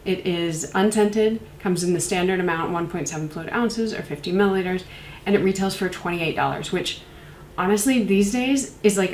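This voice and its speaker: In a rough, reverberant recording with slight background noise, a young beauty reviewer with a lowish voice sounds congested from a cold. She chats casually in a product review vlog, rambling through her skincare thoughts with lots of fillers.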